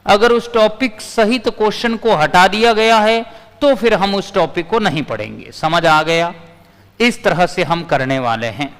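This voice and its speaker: A man with a high, clear and smooth voice teaches physics in a live online class. He repeats his points and answers viewers' comments as he goes. His voice rings with a long reverb. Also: unhurried, a bit bright.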